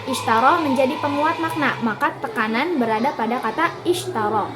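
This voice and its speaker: A young woman from Indonesia, a university student, reading out a class presentation on Arabic phonetics. She works through numbered lists at a steady pace and slows down for the Arabic examples. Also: high voice, music in the background.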